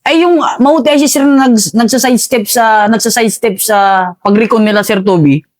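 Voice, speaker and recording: A man, an army veteran, recounting combat in a casual interview, halting and calling the host "sir" again and again. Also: extremely high pitch, no echo.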